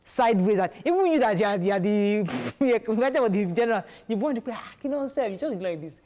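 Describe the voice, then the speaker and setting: A middle-aged woman hosts a studio talk panel, animated and quick to act out the voices she quotes. Her delivery is casual and conversational, picked up on a lapel mic in a TV studio. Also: medium pitch, a little hiss or hum. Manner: animated, gestures while talking, acts out quoted voices. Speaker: talk show host. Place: TV studio set.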